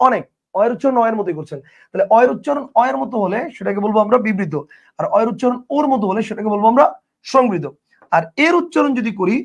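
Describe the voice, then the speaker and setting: A man teaches grammar in a casual, chatty way. His voice sits high for a man. He keeps repeating his points and tossing rhetorical questions at the listener.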